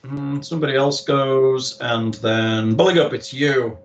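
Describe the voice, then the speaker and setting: Casual male game master, mid-pitched, explaining moves and rules at the table. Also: fairly even intonation, unhurried, highs cut off.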